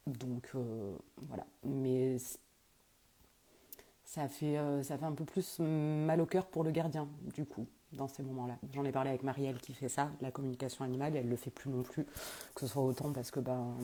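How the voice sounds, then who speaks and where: A woman speaks in a soft, dark, somewhat husky voice, answering viewers' questions as a medium on a casual live stream. She talks hesitantly, stacking fillers and restarting phrases as she goes. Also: a bass voice. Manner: hesitant, many fillers and restarts, laughs often.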